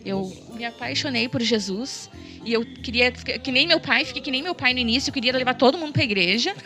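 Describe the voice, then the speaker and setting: A woman pours out a fervent church testimony. She speaks with deep emotion and keeps checking in with a quick "né?". Clear background music plays under her voice. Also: pushed and bright. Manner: fervent, tearful in tone, keeps tagging "né?". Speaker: guest giving a church testimony.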